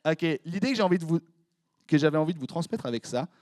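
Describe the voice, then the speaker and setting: A young youth pastor with a Swiss French accent gives a lively sermon in a church hall, quizzing his congregation and tossing out jokes and quick playful asides. His animated voice sits a little high for a man, with a darkish tone. The sound is close and dry, with almost no room echo.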